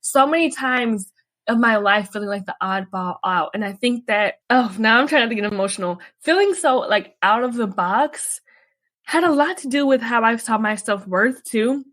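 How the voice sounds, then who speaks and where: A woman guest in a candid podcast interview, talkative and expressive, often laughing as she tells stories about herself. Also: on the high side, moderate pace, no room sound.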